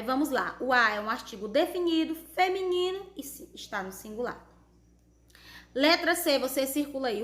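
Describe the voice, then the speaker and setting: A woman's voice: sits high, a bit bright, echoey room. A Brazilian woman teacher going over homework answers for children step by step, patiently checking in as she goes. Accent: Brazilian Portuguese.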